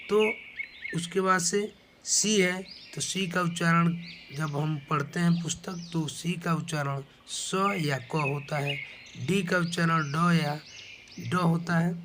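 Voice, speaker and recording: A man teaching a slow spoken lesson, patiently going over each letter and its sound again and again. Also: fairly high pitch, background noise. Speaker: English teacher. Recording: clear bird sounds in background. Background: birdsong.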